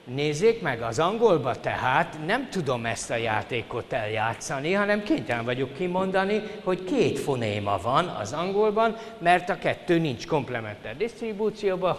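An older man teaches a formal class and speaks politely to his students. His delivery is animated, with wide rises and falls in pitch. The recording carries a long hall reverb and a faint hiss underneath. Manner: polite formal address to students, lively emphasis. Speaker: university lecturer. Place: lecture hall.

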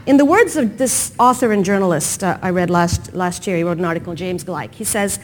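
A woman's voice: lowish voice, brisk, a little mellow, a little hiss or hum. A woman speaking at a conference, giving a prepared talk with emphatic phrasing and rhetorical questions.

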